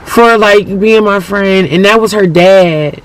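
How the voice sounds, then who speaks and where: High-pitched, animated, slangy storyteller, a man. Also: slow pace, slight background noise, poor audio. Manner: animated, profane, slangy, acts out quoted speech. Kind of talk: casual personal storytelling.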